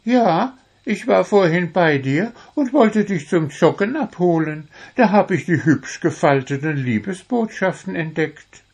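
A man voicing a cheerful, meddling little male kobold in a high, bubbly, chatty voice. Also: animated, a little slow, darkish tone, slightly rough, heavily acted. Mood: cheerful teasing.

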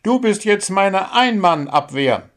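Here the little bird coach from a storybook reading berates his football team, his piping, shrill voice loud, firm and far higher than ordinary speech. Sarcastic and scolding, he talks slowly with lively intonation.

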